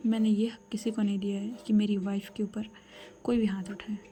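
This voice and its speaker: A woman's voice: mid-range voice, flat delivery, a little fast, mellow, natural voice. A woman voicing a fierce, protective young woman who speaks firmly in a half-whispered voice. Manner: firm and commanding, half-whispered.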